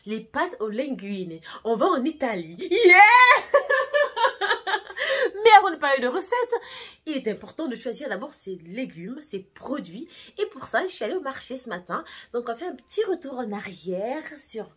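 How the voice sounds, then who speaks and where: Brief: middle-aged woman, husky and animated, upbeat cooking-vlog host, light music behind. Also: a little high, normal speed. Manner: bubbly, animated, laughs often. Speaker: cooking vlogger. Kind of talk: casual vlog chat.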